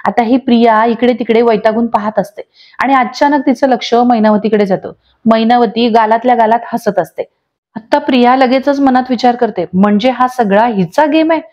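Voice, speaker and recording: A woman's voice: a little high, moderate pace, highs cut off. A woman narrating a recap of a TV serial episode, reading the characters' lines aloud as she tells the story. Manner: steady storytelling, reads dialogue aloud. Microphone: voice-over.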